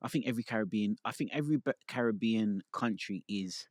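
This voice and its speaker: A man, hosting a relaxed, bantering podcast chat. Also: on the low side, a little fast, dry recording, clean studio sound. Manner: relaxed, laid-back banter with laughs. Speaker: podcast host. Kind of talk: casual chat.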